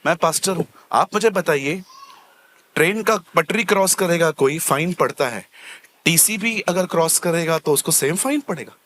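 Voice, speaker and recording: A pastor gives a lively sermon in church, animatedly acting out small scenes of everyday people and mixing English words into his preaching. His voice is a little high and his speed normal.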